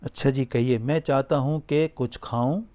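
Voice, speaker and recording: A man teaching a spoken Arabic class, running repeat-after-me drills. He says each phrase slowly and clearly, then prompts the listener to say it again. His voice sits at a middle pitch, and he cheers learners on. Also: fairly even intonation, warm tone. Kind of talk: spoken language drill lesson.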